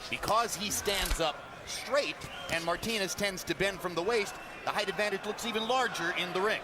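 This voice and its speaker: A man calling a boxing broadcast as lead commentator, with articulate, measured phrasing and emphatic stresses. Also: sits high. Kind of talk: live sports commentary. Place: ringside in a boxing arena. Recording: very loud arena noise behind.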